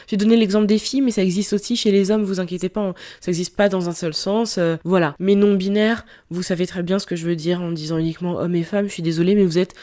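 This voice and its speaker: A woman's voice: mid-range voice, dark tone. A woman hosting a podcast, chatting casually and directly as she gives advice on listener confessions. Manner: chatty and direct, reads listener letters aloud.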